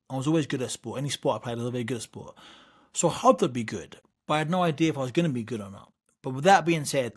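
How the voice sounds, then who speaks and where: A middle-aged man, a guest on an interview, telling lively anecdotes from his youth in a casual way. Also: medium pitch. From United Kingdom. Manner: vivid, animated anecdote-telling with laughs. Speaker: guest, former Olympic boxer.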